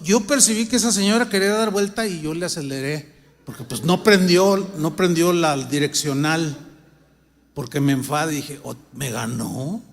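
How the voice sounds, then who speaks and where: A middle-aged Mexican man preaching a sermon, telling everyday stories with humor and acting out his own thoughts, then reading scripture more slowly and loudly. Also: high-pitched, long reverb tail. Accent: Mexican Spanish. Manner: reads scripture louder and slower. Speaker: pastor.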